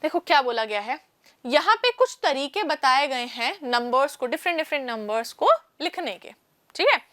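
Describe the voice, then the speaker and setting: A woman's voice: high-pitched, lively intonation, normal speed, sharp tone, dry recording. A woman teaching a maths lesson step by step, asking questions and answering them herself. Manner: explains step by step, calls listeners "children"; asks and answers her own questions. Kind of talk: online class lesson.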